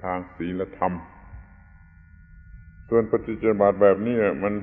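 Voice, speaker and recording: A man giving an unhurried, explanatory Buddhist dharma sermon. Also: fairly low pitch, steady tone. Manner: unhurried, explanatory, stresses correct pronunciation. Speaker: Buddhist teacher. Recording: tinny lo-fi recording with long hall reverb.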